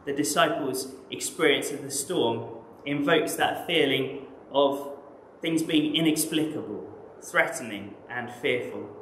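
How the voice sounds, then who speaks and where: English preacher in an echoey church. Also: male voice, medium pitch, a bit bright, a little hiss or hum. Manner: measured, reflective, asks rhetorical questions. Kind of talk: sermon.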